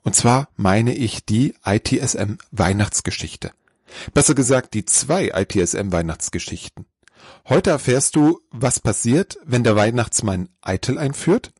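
Husky-voiced male podcast host. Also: medium pitch, lively intonation, takes it slowly, a little mellow, no room sound, clean studio sound. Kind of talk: scripted podcast intro.

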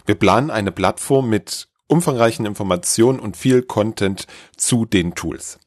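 A man's voice: fairly low pitch, moderate pace, dry recording, studio quality. A man hosting a podcast, giving an upbeat scripted announcement straight to the listener. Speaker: podcast host.

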